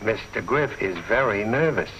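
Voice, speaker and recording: An actor playing a blunt, plainspoken police sergeant in a 1950s TV crime drama. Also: male voice, fairly low pitch, animated, normal speed, fairly bright tone, slight background noise. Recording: dull lo-fi 1950s TV soundtrack.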